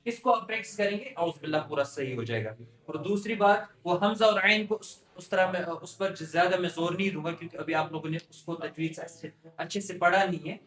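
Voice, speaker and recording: A man teaches a recitation class in a fairly high voice. He drills each word again and again at a patient pace, and his voice rings in an echoey room. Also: steady tone, a bit bright. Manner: patient, repeats words slowly to drill pronunciation.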